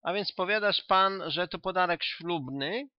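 A cool, self-assured detective lays out his reasoning in a measured, slightly raised voice, as a male audiobook reader plays him. His tone is confident with a dry, ironic edge. The sound is dull and dry, recorded close with no room. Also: high-pitched, no room sound, voice pushed up.

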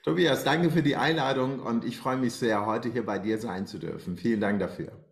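On a video call from a bright room at home, an Iranian man in his forties tells his life story as an interview guest, hesitating with many fillers. His medium-pitched, creaky voice moves at a moderate pace, with slight background noise and a roomy echo.

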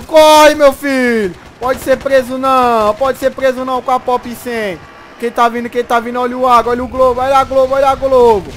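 High-voiced excited gamer man. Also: slight background noise. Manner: excited, repeats every phrase twice, slangy. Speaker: gameplay commentator. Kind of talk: casual gameplay commentary.

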